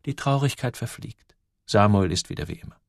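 A man narrating a children's story with expressive storytelling. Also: fairly low pitch, brisk, vocal fry, no room sound, clean studio sound. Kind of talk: audiobook narration.

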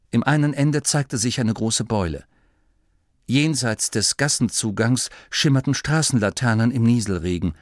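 A man narrating an audiobook in a measured, expressive way. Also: medium pitch, no echo, clean studio sound. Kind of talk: scripted narration.

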